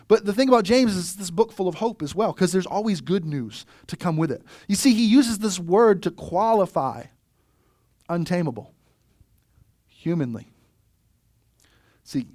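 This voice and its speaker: A man preaching a sermon as pastor, telling stories in a conversational, animated way and often asking "right?". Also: fairly high pitch, dry recording, clean studio sound.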